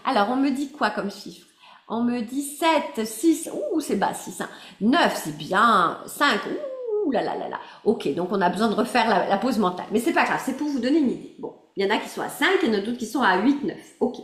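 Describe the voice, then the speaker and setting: Leading a group through an emotional exercise by video call, this woman speaks fairly quickly in a slightly high, bright, expressive voice. She encourages everyone, laughs a lot, and addresses people by name, all in a roomy, echoing recording.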